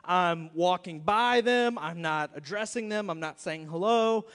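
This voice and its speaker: A man's voice: sits high, measured pace, smooth, big-room sound. A man preaching a sermon as pastor, telling stories with humor and acting out his own outbursts. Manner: animated storytelling, acts out his own outbursts; humorous, self-mocking.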